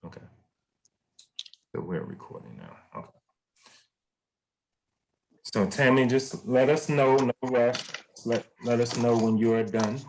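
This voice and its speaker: A man hosting a meditation group on a video call, talking in an easygoing, gently encouraging way. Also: medium pitch, measured pace, pauses often, slight background noise, poor audio.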